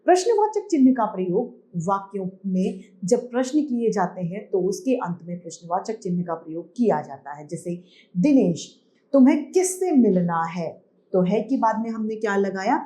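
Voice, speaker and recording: A woman's voice: medium pitch, lively intonation, dark tone. Woman teaching a children's grammar lesson. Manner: explains slowly, asks and answers her own questions, reads examples out slowly.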